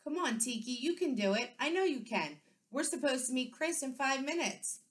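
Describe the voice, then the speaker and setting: An eager, upbeat young boy, as a woman teacher reads him aloud, urging his twin brother along with a higher, brighter lilt. He sounds encouraging and friendly, and the delivery stays in a gentle storybook read-aloud style. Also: expressive, normal speed.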